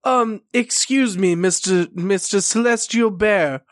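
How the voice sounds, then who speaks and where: A man's voice: high voice, slow, no echo, studio quality. A man playing a tabletop game, chatting in improvised role-play with a stammering, mock-polite manner.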